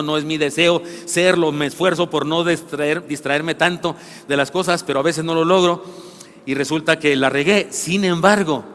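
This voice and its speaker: A middle-aged Mexican pastor preaching a sermon, telling funny personal stories in an animated way that builds to shouting. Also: male voice, on the high side. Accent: Mexican Spanish. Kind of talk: sermon with storytelling. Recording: long church hall reverb.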